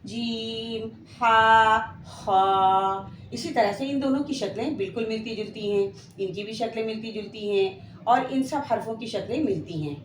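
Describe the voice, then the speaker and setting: A woman with a dark, mid-range voice and a Pakistani Urdu accent speaks a little fast while patiently spelling out Quranic letters for beginners, stretching each name so students can repeat it in this slow lesson. The echoey room has faint ambience and slight background noise.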